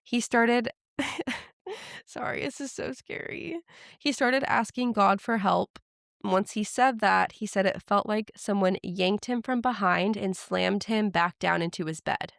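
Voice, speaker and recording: Woman host, casual podcast storyteller, smooth clear voice, dry close sound, chatty fillers. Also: mid-range voice, unhurried, no room sound. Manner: chatty retelling with frequent "like" fillers.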